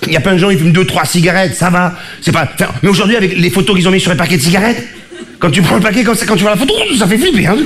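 A man, doing a rambling, self-mocking stand-up routine with quick asides and stammered restarts. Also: high-pitched, a bit bright. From Marseille, southern France. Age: 40s. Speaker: stand-up comedian. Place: live comedy stage before an audience. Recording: live show with crowd noise. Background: audience laughter.

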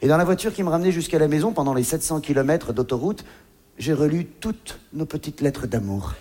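A stand-up comedian performs a comic monologue, telling his story in a conversational, mock-earnest way and often cutting himself off. His voice is on the high side, warm, and brisk, with lively intonation. Background noise is clearly audible.

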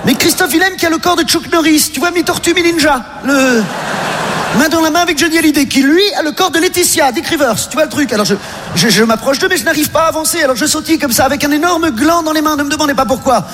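A man performing as a strange castaway living alone on an island, rambling and hesitant in a low mumble. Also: fast talker, a bit bright. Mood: dazed, rambling. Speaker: stand-up comedian. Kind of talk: stand-up character monologue. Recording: long hall reverb, clear background noise.

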